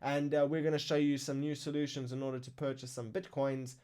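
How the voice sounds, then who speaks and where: A man hosting a live crypto news stream, reading market figures in a casual, excitable way while fighting the hiccups. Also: medium pitch, fairly quick. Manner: excitable, exclaims over numbers.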